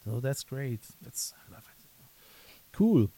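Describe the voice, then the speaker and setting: Man, halting and repetitive. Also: medium pitch, big pitch swings, dark tone, husky, low-quality recording. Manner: halting, repeats words, laughs while talking. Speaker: podcast host. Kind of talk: casual podcast conversation.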